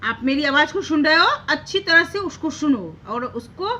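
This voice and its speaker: A young woman teaching Hindi to children, asking questions and stretching out words slowly. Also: sits high, animated, sharp tone, dull audio. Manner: sing-song, drawing out sounds slowly, asking questions. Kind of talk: classroom lesson for kids.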